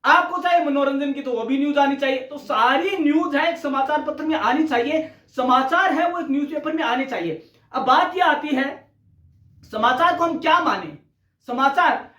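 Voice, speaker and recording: A man's voice: very high voice, expressive, moderate pace, bright, forceful tone, muffled recording. A male teacher giving a conversational recorded lecture, often addressing listeners as friends. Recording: echoey room.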